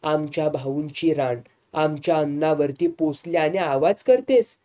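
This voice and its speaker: A coarse, sneering male political boss, loud and abusive, spitting insults, as a storyteller acts him out. His voice is dark and mellow in an audiobook reading. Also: medium pitch, lively intonation, measured pace, lightly acted. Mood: threatening. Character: crude domineering male politician villain.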